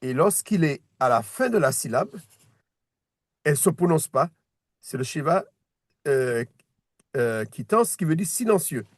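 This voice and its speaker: Male teacher, patient one-on-one explainer, fairly high voice, dry room. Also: lively intonation, a little slow, pauses often, no echo. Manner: patient, repeats words, many restarts. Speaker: Hebrew teacher. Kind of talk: one-on-one reading lesson.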